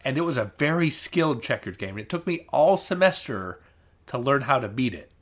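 A male podcast co-host talking in loose, easygoing chat. He wanders off onto tangents and tells his stories with wry, understated humor, his voice sitting at an ordinary middle pitch. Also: sing-song, a little fast, a bit bright. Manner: rambling, digressive, wry. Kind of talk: casual chat recapping a dating show.

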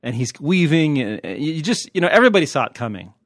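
An American podcast host and TV critic talks quickly in a slightly high, very animated voice, chatting off the cuff in a joking, irreverent way that wanders into digressions, with some mild swearing. The recording is dry and studio quality.

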